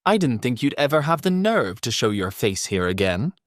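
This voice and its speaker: A man voicing a cold, shrill, sarcastic wealthy mother-in-law in an audio drama. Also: big pitch swings, normal speed, no room sound, clean studio sound, close to an everyday voice. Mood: cold sneering. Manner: sarcastic, sneering.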